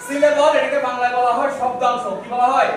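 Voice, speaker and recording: High-pitched guy teaching, repeats questions a lot, far off mic in an echoey room. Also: little pitch movement, fast talker, a bit bright, soft background music. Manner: repeats questions, drills class. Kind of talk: classroom teaching, call and response. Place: large echoey classroom.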